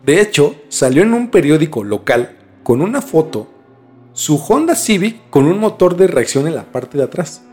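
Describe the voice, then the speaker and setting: Very animated and on the high side, with a darkish tone and moderate pace, a man with a Mexican accent hosts a podcast set to music. He combines scripted narration with slangy, conversational storytelling.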